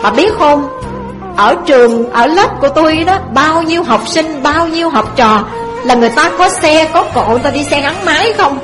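A woman's voice: high voice, animated, moderate pace, music in the background. A woman voicing a spoiled young male student who bluntly threatens his mother. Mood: demanding.

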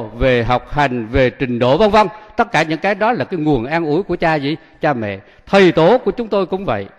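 Monk preaching in an echoing hall. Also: male voice, a little high. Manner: leaves sentences open for listeners to finish. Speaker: Buddhist monk teacher. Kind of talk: sermon with call-and-response questions. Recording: long hall reverb.

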